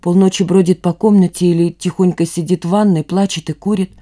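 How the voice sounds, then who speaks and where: A woman reading an audiobook aloud in an expressive narrating voice. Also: on the low side, fairly quick. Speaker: audiobook reader. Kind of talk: scripted narration.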